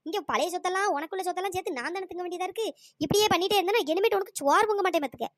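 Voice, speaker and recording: A woman voicing a sharp-tongued old mother-in-law in a cartoon, scolding and sarcastic. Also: very high-pitched, racing, no echo, clean studio sound. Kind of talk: cartoon dialogue with pitch-raised voice.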